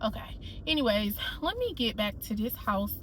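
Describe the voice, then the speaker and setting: A woman's voice: fairly high pitch, sing-song, moderate pace, background noise. A young woman chatting casually to viewers in a vlog, filmed on a phone. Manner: chatty, addresses viewers as y'all. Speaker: vlogger.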